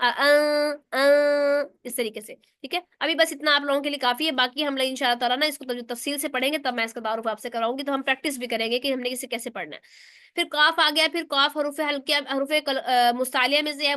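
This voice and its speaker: A woman's voice: high voice, pushed and bright, no echo, clean studio sound. A woman teaching a recitation lesson online in speech, explaining step by step and answering her own questions.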